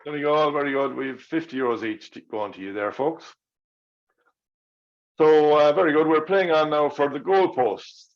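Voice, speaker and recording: A man's voice: fairly high pitch, normal speed. An Irish man hosting online bingo as the caller, reading out numbers digit by digit and then in full, with traditional calls. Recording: dull, lo-fi sound.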